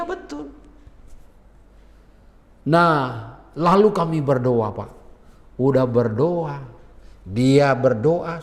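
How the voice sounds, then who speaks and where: Slow-preaching man in a reverberant hall. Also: a little high. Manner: conversational preaching with colloquial asides. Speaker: pastor. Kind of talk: sermon.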